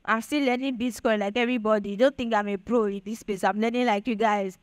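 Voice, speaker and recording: A woman's voice: mid-range voice, steady tone, fairly quick, no echo. A young woman with a Nigerian accent giving a chatty motivational talk to an audience, often checking "do you understand?". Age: young adult. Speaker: speaker at a Bitcoin event.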